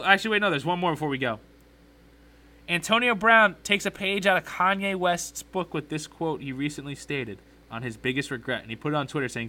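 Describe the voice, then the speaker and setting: Solo sports podcast host: a man with a slightly high, bright voice and an opinionated, rambling delivery. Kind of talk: casual sports talk commentary.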